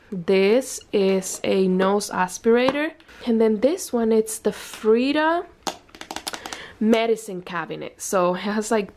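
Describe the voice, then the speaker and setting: A woman's voice: medium pitch, darkish tone, a little hiss or hum. Young woman, casual vlogger, chatty, filler-heavy, showing things around a room. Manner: chatty, explaining items one by one with fillers. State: pregnant, briefly out of breath. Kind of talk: casual home tour vlog. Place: home nursery room.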